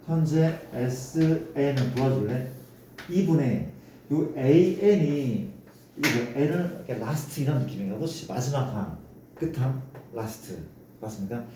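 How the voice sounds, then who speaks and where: Man, math teacher, classroom lecture, dark mellow tone, very echoey room, far from the mic. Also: medium pitch. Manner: coaxing, keeps asking students to confirm. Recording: echoey room, distant mic, faint noise.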